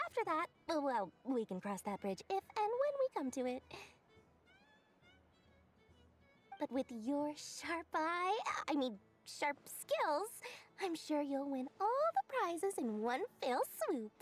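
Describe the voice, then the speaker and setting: An actress playing a money-loving festival merchant who serves customers with theatrical sales patter in a video game. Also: female voice, high voice, very animated, a little slow. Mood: salesy, eager. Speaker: stall merchant serving customers like a sales clerk. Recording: background music.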